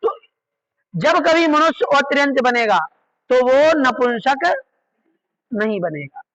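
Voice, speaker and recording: Male scripture teacher, very high voice, bright tone, repeats terms and quizzes students. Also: lively intonation, slow pace, dull audio. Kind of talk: slow explanatory class on Jain scripture.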